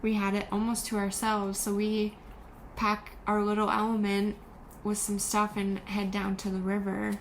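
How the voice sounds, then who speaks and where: A woman hosting her vlog, telling a story in a relaxed, casual chat. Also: mid-range voice, moderate pace, slight background noise, poor audio. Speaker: vlogger host.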